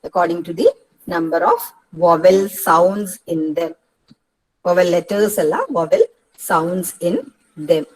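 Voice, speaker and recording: Malayali woman, English tutor; unhurried, low-pitched, patient step-by-step explainer. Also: very animated, a little mellow, poor audio. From Kerala, India. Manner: explains step by step, repeats key words slowly. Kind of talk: exam-prep lecture mixing Malayalam and English.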